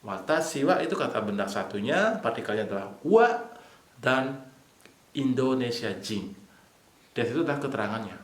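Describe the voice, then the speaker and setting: A man teaching a casual online language lesson, explaining slowly step by step and repeating key points. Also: medium pitch, expressive. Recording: echoey room.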